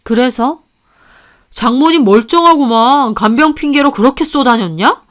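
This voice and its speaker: A woman's voice: sits high, lively intonation, normal speed, a bit bright. A woman voicing a scornful, bossy husband in an audio story drama, talking down and scolding in a sneering manner. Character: scornful bossy husband, man in his 30s.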